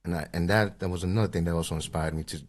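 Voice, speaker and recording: Man, 40s, from Ecuador, very deep voice, casual guest interview, halting restarts. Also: steady tone. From Ecuador, raised in Queens, New York. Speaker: guest, airbrush and tattoo artist.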